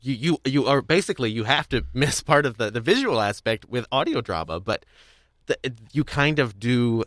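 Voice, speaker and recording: In a casual podcast conversation about audio drama, the male host talks in a stop-start, rambling, hesitant way. His mid-range voice has lively intonation, a moderate pace and a fairly bright tone, recorded dry with clean studio quality.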